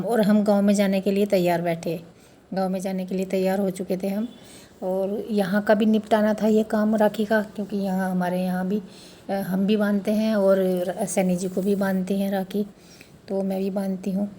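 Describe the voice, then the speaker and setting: An Indian family vlogger chats to viewers from her family home during a festival, explaining household customs step by step. Her mid-range voice is mellow, with a flat delivery and moderate pace, and a little hiss or hum is audible.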